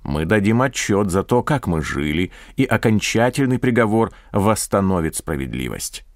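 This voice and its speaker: A man reading a scripted radio sermon in a solemn, measured manner with rhetorical questions. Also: on the low side, very animated, no room sound, studio quality. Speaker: preacher.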